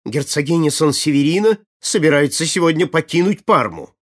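Haughty, touchy prince of a small court, storybook, husky male reader. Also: fairly high pitch, animated, brisk, a bit bright, pitched above the performer's own voice. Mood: angry. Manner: haughty, prone to angry outbursts. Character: vain quick-tempered prince, ruler of a court.

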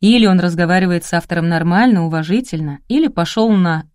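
A man's voice: high-pitched, quick pace, a little mellow, no echo, studio quality, natural voice. A woman reading a brusque, bossy male publisher. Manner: gruff, blunt, bossy.

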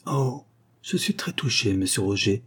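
A man voicing a cheerful, modest young seamstress who teases gently. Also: medium pitch, expressive, a little slow, slightly rough. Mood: cheerful, scolding.

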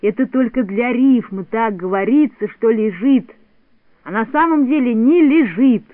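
A man reading the part of a carefree, boastful little boy who writes silly verses, in a lively, cheeky way. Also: extremely high pitch, measured pace, no echo. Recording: tinny phone-like dry sound.

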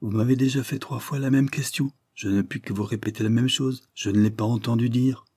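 A man's voice: medium pitch, steady tone, fairly quick, warm tone, no room sound, clean studio sound, pitched above the performer's own voice, natural voice. A man reading the lines of a composed, level-headed female relative in a classic novel audiobook. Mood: calm. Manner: composed, firm.

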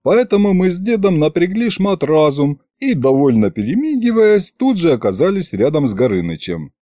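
A man narrates a first-person audiobook in a lively, wry manner. His voice rises and falls expressively with a soft, warm tone. The recording is dry and close. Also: a little high, normal speed, dry recording.

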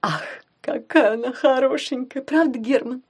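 Woman playing a chirpy doting mom, bright higher voice, cheerful, storybook. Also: normal speed, slightly rough. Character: doting cheerful middle-aged wife and mother.

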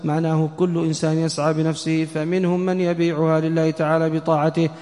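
A man, a student, reads a text aloud to his teacher in a quick, half-chanted recitation. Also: a little high. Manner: fast, flat, half-chanted reading. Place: mosque. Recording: echoey mosque hall.

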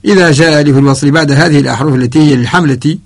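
A man's voice: a little high, very fast. A man from Mauritania giving a radio lesson on Quranic spelling, methodically listing numbered examples and reciting short verse fragments. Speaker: teacher of Quran orthography. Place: radio studio.

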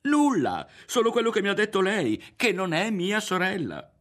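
A man voicing an excitable boy who blurts out a secret, talking in a high, breathless, insistent way. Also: normal speed. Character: excitable boy full of wild news.

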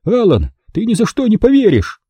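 Guy doing a high shrill excitable dealer dude, all flustered, dry close sound. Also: moderate pace, slightly rough, no echo, heavily acted. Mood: agitated. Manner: shrill and exclamatory.

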